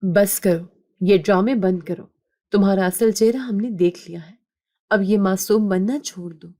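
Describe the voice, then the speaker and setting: A woman voicing a harsh, commanding older mother-in-law in a spoken story, scolding in a sharp tone. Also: mid-range voice, lightly acted. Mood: angry.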